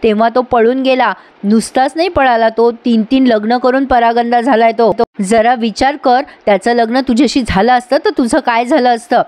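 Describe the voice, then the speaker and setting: A woman's voice: a little high, fairly even intonation, normal speed, hardly any pauses, darkish tone, lightly acted. A woman voicing a defensive married woman scolding her sister-in-law.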